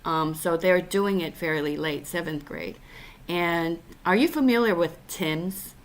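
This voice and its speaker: Over a video call, a podcast host from Taiwan leads a casual conversation in a lowish voice. She talks haltingly, in bursts full of fillers and false starts.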